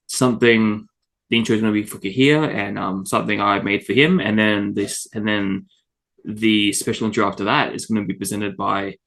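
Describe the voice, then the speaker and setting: A man hosting a podcast in casual, unscripted talk, halting and rephrasing as he goes. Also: lowish voice, fairly bright tone. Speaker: podcast host.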